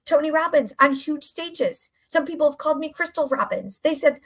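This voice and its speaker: A woman's voice: sits high, lively intonation, normal speed, fairly bright tone. A woman coach giving an emphatic, enthusiastic motivational talk, repeating phrases for effect. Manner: enthusiastic, upbeat. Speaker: health and mindset coach.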